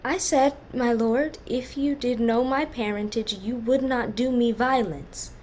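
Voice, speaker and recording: A woman's voice: a little high, unhurried, a little mellow, slight background noise, natural voice. An actress playing a young orphaned noblewoman, sorrowful and dignified, speaking classical verse in an earnest, formal way. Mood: guarded. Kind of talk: classical verse stage acting.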